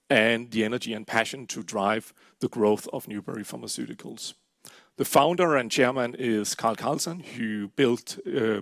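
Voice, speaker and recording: At an investor event, a middle-aged Danish man presents his company in Danish-accented English. The dry recording captures his medium-pitched voice with vocal fry, delivered in a businesslike, steady way with many "uh" fillers.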